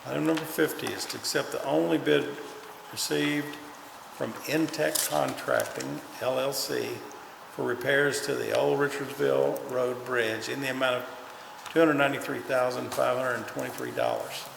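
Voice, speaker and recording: A man's voice: medium pitch, normal speed, creaky. A man presiding over a county court meeting, reading agenda items in a plain businesslike way. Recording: echoey chamber with long reverb and faint noise.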